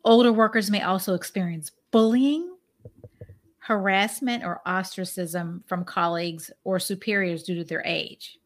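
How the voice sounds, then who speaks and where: A woman's voice: medium pitch, measured pace. A woman in her forties co-hosting a casual podcast chat, reading from notes and rambling into anecdotes with many restarts. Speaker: podcast co-host.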